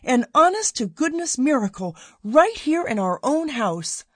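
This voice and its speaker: A woman's voice: medium pitch, big pitch swings, moderate pace, darkish tone, husky, dry recording. A woman voicing an older man, a husband who bursts out with joy, in a storybook reading. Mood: elated. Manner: exclaiming, elated. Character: older man, gruff turned joyful.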